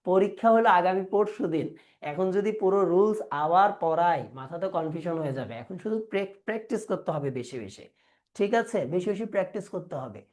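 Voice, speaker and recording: A man teaching an online revision class over a video call, quizzing students, reading their replies, and slowly repeating words to drill their pronunciation. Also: sits high, expressive, darkish tone. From Bangladesh.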